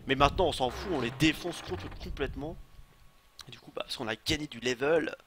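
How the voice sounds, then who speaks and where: A man's voice: a little high, fairly quick, noisy background. A young man casually commenting on his gameplay, joking, swearing and talking to his chat. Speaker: let's play streamer. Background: game music.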